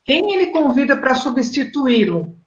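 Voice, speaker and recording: A woman's voice: high voice, big pitch swings, a little slow, over a noisy crowd. A woman moderates the question session, politely acknowledging the answers and inviting more questions. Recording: roomy, dull lo-fi sound.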